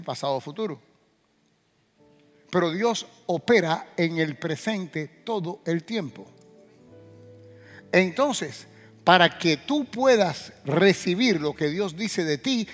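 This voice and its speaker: Male pastor, sermon delivery, high ringing voice with sudden loud surges; reverberant hall, soft music bed. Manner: preaching with sudden loud rising bursts and direct questions to the congregation.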